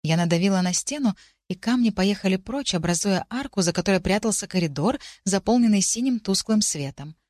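A woman giving a steady, expressive first-person narration of a fantasy audiobook. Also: mid-range voice, fairly quick, no room sound, clean studio sound.

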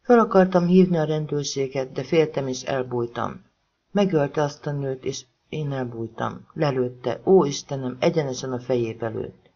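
A man reading a woman who fakes a thin, trembling voice, breathless and pleading, in a slightly dull audiobook recording. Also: rumbling low. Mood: fake panic.

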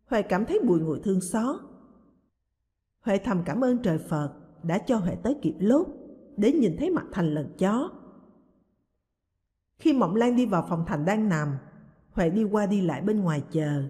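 A woman narrates a novel in a steady, even storytelling voice at a middle pitch. The recording carries a long, hall-like reverb. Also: moderate pace, long pauses. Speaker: audiobook narrator.

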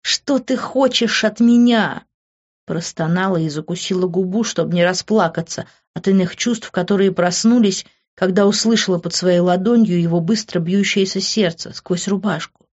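A woman's voice: fairly low pitch, steady tone, normal speed, hardly any pauses, a little mellow, muffled recording. A woman reading a first-person novel aloud as an audiobook narrator, with emotional, intimate storytelling.

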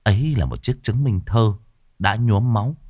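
A man reading a ghost story aloud in a dramatic, expressive style. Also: fairly low pitch, normal speed, no echo, studio quality. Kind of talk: scripted horror story narration. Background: faint background music.

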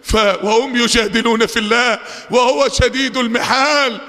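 A fiery Egyptian man delivers a Friday sermon in a high, bright voice with a gravelly edge. He races through asides, then stretches out verses in a shouting chant. His voice rings with the long reverb of a big hall. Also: fairly even intonation, normal speed. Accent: Egyptian Arabic. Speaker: preacher.

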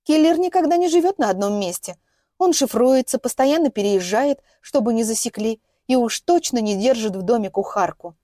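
A woman voicing a calm, quiet retired male hitman who speaks in a low, measured way. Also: dry recording, studio quality.

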